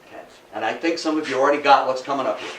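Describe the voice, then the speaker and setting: Speaking fast in a mid-range, fairly bright voice, this older local history lecturer from Athens, New York, USA tells stories with emphasis in an informal public talk, repeating phrases and asking rhetorical questions. He's indoors before a small audience, recorded in an echoey room from a distant mic with faint background noise.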